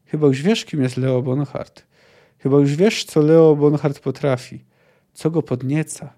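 A man reading aloud, voicing a stone-faced male swordsman who speaks quietly and ominously. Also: a little high, a little slow, close to an everyday voice. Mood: grim. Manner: quiet, menacing.

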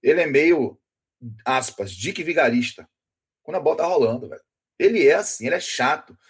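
A man's voice: a little high, animated, a little fast, breathy edge. A man giving an opinionated football analysis on a talk show, often hedging with fillers. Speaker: sports commentator.

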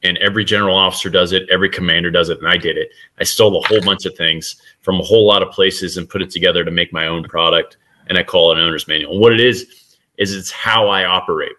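A man's voice: low voice, fairly even intonation, quick pace, sharp tone. A middle-aged man, a guest author, talking earnestly in a casual podcast interview with frequent restarts.

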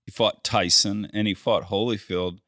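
A man's voice: lowish voice, steady tone, moderate pace, fairly bright tone, no room sound, clean studio sound. An older man hosting a podcast, chatty and folksy, telling stories and laughing easily. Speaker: podcast host. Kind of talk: casual podcast chat.

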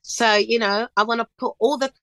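The guest, a middle-aged singer and DJ, gives a chirpy, high-energy casual interview full of stories. Her fairly high voice holds a steady, sharp tone at a moderate pace, and the low-quality recording has no room sound.

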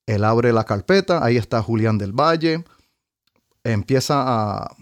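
A man's voice: medium pitch, measured pace, no echo. A man, a trumpet player, telling an anecdote in casual conversation and scatting out rhythms and melodies as he goes. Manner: animated, sings out rhythms and melodies. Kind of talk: conversational storytelling.

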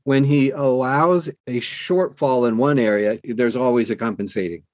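Here a middle-aged American podcast guest and audiobook narrator talks at normal speed in a mid-range, slightly mellow voice, captured in a dry recording. He responds conversationally to interview questions, earnest and emphatic, with anecdotes woven in.

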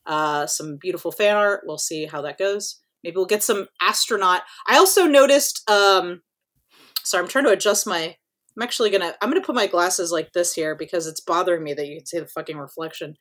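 A woman's voice: fairly low pitch, fairly quick, a bit bright. A woman co-hosting a podcast in casual chat, rambling with lots of fillers and casual swearing. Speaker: podcast co-host.

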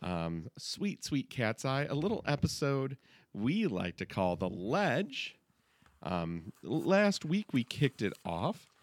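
A male podcast host with a hugely animated, up-and-down voice. He chats casually and playfully, and the sound is dry and close. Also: mid-range voice, slow, no echo. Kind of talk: casual comedic chat.

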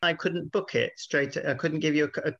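Creaky British man, exasperated podcaster. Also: on the high side, fairly even intonation, moderate pace, a bit bright, highs cut off. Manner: exasperated, interrupting, sweary. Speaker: podcast host. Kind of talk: casual bickering storytelling.

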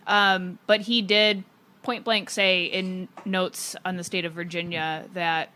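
Bright-voiced woman discussing history. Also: fairly low pitch, level tone, slow. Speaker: history panelist. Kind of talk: informal analytical discussion.

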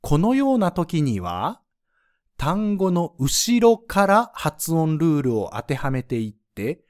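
A man's voice: fairly high pitch, huge pitch swings, takes it slowly, a little mellow. A man teaching French pronunciation in a scripted lesson, explaining the rules patiently and spelling out sounds one by one.

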